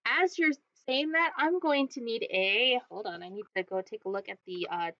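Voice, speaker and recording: A woman's voice: a little high, normal speed, bright, forceful tone, no room sound. Woman game master, dull lo-fi sound. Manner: casual, explains actions step by step. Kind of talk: narrating a tabletop game.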